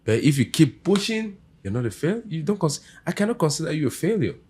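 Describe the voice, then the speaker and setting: A man's voice: on the high side, a little fast, breathy edge. A man hosting a podcast, speaking casually and animatedly, originally from Africa with a local African first language. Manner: animated, laughs often, acts out quoted voices. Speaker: podcast host.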